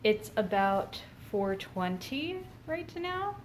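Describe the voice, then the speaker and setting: A woman's voice: mid-range voice, sing-song, slow pace, slight background noise. A woman vlogger and teacher chatting casually in a talkative, self-deprecating way. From Florida. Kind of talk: casual vlog chat. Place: outdoors on a walking path.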